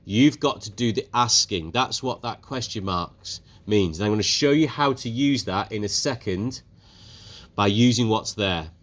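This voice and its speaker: A man teaching a French speaking lesson to his class, brisk and encouraging, putting questions to the pupils. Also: on the low side, fairly bright tone. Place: school classroom.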